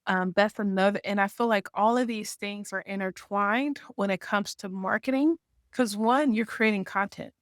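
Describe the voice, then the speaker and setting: A woman with a mid-range voice appears as a guest on a podcast interview, the founder of a marketing association. At a normal speed, she explains her points step by step and checks in with "right?", recorded in echo-free studio quality.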